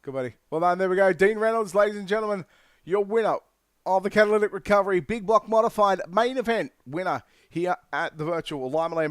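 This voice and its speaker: Man, Australian accent, race broadcast host, smooth resonant tone, slightly high voice, upbeat announcer delivery. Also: dry recording, clean studio sound. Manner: upbeat announcer, punchy sign-off phrasing. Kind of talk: sim racing commentary and interview.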